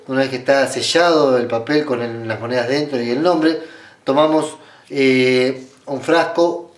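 A man with an Argentine accent talks viewers through a ritual in plain, unhurried instructions, often stalling on fillers and restarting his sentences. His voice sits at an ordinary middle pitch. It is caught from some distance by a camera mic in a small room that adds a noticeable echo. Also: slight background noise. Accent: Argentine Spanish. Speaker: spiritual ritual guide. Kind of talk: step-by-step ritual tutorial. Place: small indoor room at a red-draped altar table. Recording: roomy, distant camera sound.

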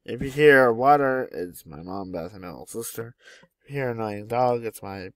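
A man's voice: mid-range voice, moderate pace, a bit bright, no echo. A young man at home casually commenting on a game mod, chatty and easily delighted as he names each animal that appears. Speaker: gaming YouTuber.

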